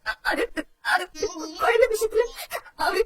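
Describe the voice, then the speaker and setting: An actress playing a young wife who cries as she speaks, her words halting between sobs, on a slightly distant mic. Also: very high-pitched, expressive. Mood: tearful. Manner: halting, sobbing pleas. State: crying. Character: tearful young wife hurt by her husband. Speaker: serial actress. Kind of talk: TV serial acting. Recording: distant mic, faint background noise.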